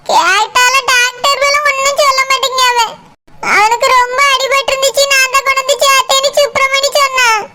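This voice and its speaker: A woman's voice: very high-pitched, fairly even intonation, fairly quick, exaggerated voice. Woman voicing a grieving village mother. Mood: worried. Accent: Kanyakumari Tamil. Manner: tearful, lamenting. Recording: loud background noise.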